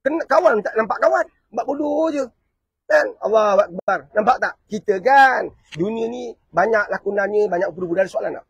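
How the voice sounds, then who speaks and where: A man's voice: high voice, fairly quick, vocal fry, slightly rough, dry recording, highs cut off. A man with a Malaysian Malay accent, giving a fiery family-themed preaching talk full of rhetorical questions. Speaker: motivational family speaker.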